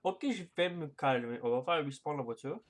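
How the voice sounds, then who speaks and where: A man commenting on his own gameplay in a casual, crude and joking way, going from shouts to mumbles. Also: on the high side, animated, a little fast. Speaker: gaming YouTuber.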